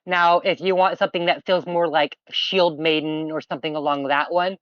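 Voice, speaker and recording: This mid-range voice holds a steady tone at a normal speed, clean and echo-free, though the audio sounds dull. It belongs to a game master running a streamed tabletop session, chattily laying out choices for a player with lots of filler words in a loose, wandering style.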